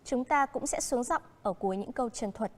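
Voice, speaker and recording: With a voice on the high side, a Vietnamese-accented woman teaches primary schoolchildren English, speaking slowly and clearly and shifting between English and Vietnamese. The audio has a big-room quality.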